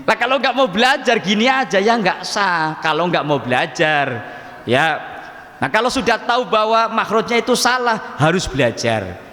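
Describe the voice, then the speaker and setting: A man's voice: high voice, big pitch swings, normal speed, pushed and bright. A man giving a religious lesson at a mosque study group, chatty, often addressing the audience and mimicking regional pronunciations. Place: mosque hall. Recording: echoey mosque hall reverb.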